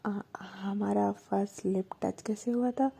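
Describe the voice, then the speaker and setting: Coaxing young wife in a storybook, put on by a woman narrator, husky, soft-toned, sweet and pleading. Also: medium pitch, steady tone, a little slow. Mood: tender.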